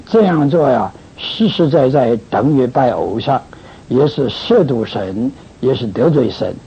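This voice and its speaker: A man delivers a pastoral message in a slow, deliberate cadence, his voice deeply husky and breathy. He pleads earnestly and stretches little particles between his phrases. The recording sounds dull and lo-fi. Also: animated. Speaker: church leader.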